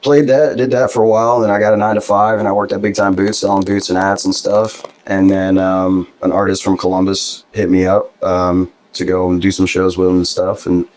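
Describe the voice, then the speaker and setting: A man's voice: low voice, level tone, fairly quick, hardly any pauses, a little mellow, rough recording. A young man from New Jersey, a musician guest, chatting casually in an interview, tired and hungover, laid-back and rambling with lots of fillers.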